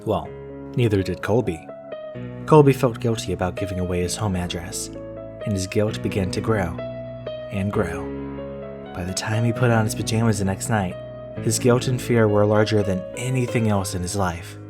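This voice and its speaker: Over distinct plucked guitar music, a low-voiced man tells a first-person horror story from a script. His storyteller's delivery is careful and measured.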